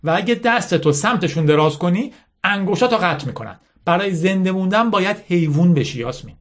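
A man's voice: high voice, animated, pitched above the performer's own voice. A man voicing a bitter, scornful teenage girl who leads an army, lecturing with hammering rhetorical questions.

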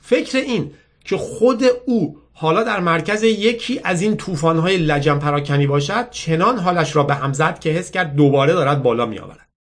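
A man's voice: on the high side, fairly bright tone. Man reading a novel with wry asides. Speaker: book reader and podcaster. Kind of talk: audiobook reading with casual commentary.

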